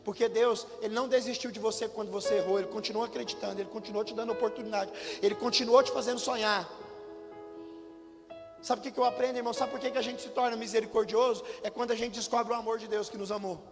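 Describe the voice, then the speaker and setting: A middle-aged man preaching a sermon as pastor, telling lively humorous stories and speaking directly to the congregation. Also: high voice, fast. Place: church hall. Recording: church hall reverb with faint music.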